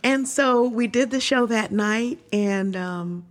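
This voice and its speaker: A woman's voice: on the high side, slow pace. An older woman, a singer, telling a story with laughter and acted-out voices. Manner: animated, laughing, acts out quoted voices. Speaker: singer, guest.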